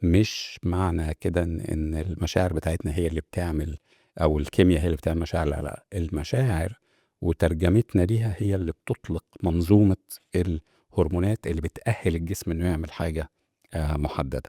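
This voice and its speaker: A man with an Egyptian accent hosts a casual self-help talk, rushing along at a very fast clip. His low, dark voice carries a gravelly fry. He restarts words often and speaks to his audience directly. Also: fairly even intonation, no echo, studio quality. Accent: Egyptian Arabic. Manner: conversational, many fillers and restarts, addresses viewers directly. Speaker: host.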